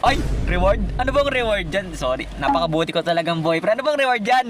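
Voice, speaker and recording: A young man doing game commentary, yelling and swearing excitedly at whatever he runs into. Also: sits high, fast, background noise. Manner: excitable, yells and swears at mobs. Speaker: gamer.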